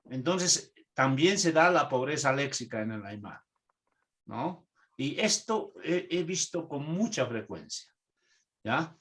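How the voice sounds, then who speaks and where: A man's voice: medium pitch, animated, measured pace, fairly bright tone. A man from Peru teaching a translation class, explaining points step by step and often checking in with his students. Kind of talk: online class lecture.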